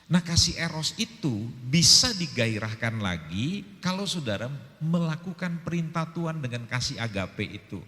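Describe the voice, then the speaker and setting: A man's voice: on the high side, big pitch swings, moderate pace, sharp tone, in a large hall. A male pastor in his fifties preaching a sermon, telling stories animatedly and acting out quoted dialogue.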